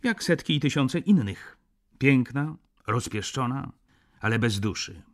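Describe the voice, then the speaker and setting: A man's voice: medium pitch, animated, unhurried, voice pushed up, close to an everyday voice. An actor reading a sardonic, cynical middle-aged male doctor in an audiobook, blunt and lecturing.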